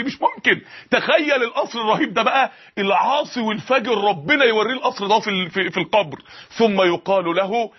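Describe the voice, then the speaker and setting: A man's voice: high voice, husky. A man preaching a sermon with an Egyptian Arabic accent, firing off impassioned rhetorical questions. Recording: dull lo-fi lecture recording.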